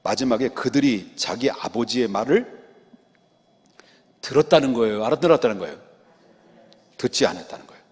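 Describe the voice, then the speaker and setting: A man's voice: mid-range voice, expressive, moderate pace, long pauses. A man, the senior pastor, preaching an expository sermon in a church sanctuary and pressing the congregation with rhetorical questions. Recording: reverberant church hall.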